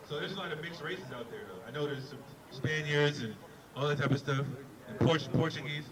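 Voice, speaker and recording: A man's voice: a little high, fairly quick, rough recording. A man preaching on a city street, questioning a passerby in an emphatic debate and repeating words as he drives his point home. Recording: busy street crowd behind.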